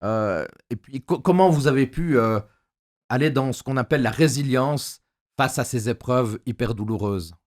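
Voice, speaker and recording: A man's voice: mid-range voice, normal speed. A man hosting a Bible study discussion, talking with frequent hesitations and filler sounds. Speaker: host.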